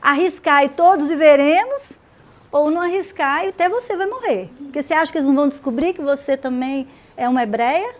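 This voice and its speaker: A woman putting on a firm older man in a retold Bible story, urgently warning his young cousin. The voice stays high and earnest, pressing each point. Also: lively intonation, a little fast. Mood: urging.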